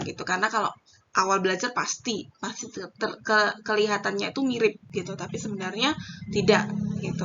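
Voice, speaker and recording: A woman's voice: medium pitch, vocal fry, a bit bright, dull audio, a little hiss or hum. A woman tutor explaining pinyin step by step in a casual online lesson, often checking in with tag questions. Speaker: Mandarin tutor.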